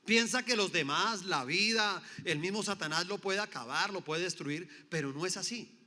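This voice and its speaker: Male pastor, high bright voice, emphatic sermon delivery, rhetorical questions to the crowd, echoey hall. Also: normal speed.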